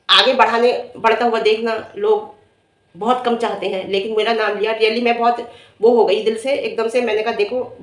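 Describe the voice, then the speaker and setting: A middle-aged woman vlogger who scolds and taunts a rival directly in a confrontational rant. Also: mid-range voice. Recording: echoey room.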